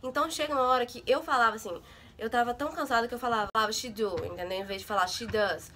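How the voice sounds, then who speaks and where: A young Brazilian woman vlogs casually to the camera, her voice a little high, quick, pushed and bright. She chats with her viewers and keeps dropping check-in fillers like "sabe?" and "gente".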